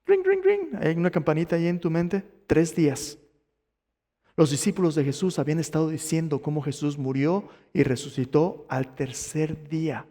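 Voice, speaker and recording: A man's voice: on the high side, fairly even intonation, normal speed, mellow, long reverb tail. A male pastor preaching a sermon, telling the story dramatically and asking the congregation questions. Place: church sanctuary.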